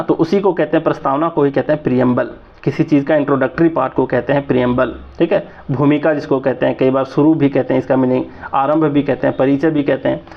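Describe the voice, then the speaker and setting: A man's voice: mid-range voice, vocal fry. A man in his thirties with a Jharkhand accent, teaching exam vocabulary in a chatty way and often checking that his listeners follow. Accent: Jharkhand Hindi. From Jharkhand, India. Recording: slightly dull lo-fi recording.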